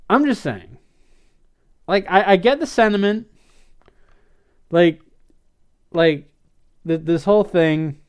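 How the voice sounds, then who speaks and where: A man hosting a podcast, casually recapping a cartoon episode, rambling with frequent filler words and restarts and laughing often. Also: on the high side. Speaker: podcast host.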